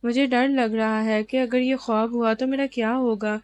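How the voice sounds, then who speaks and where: Woman doing a tender loving husband, reassuring, slightly high voice. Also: steady tone, darkish tone, dry recording, natural voice.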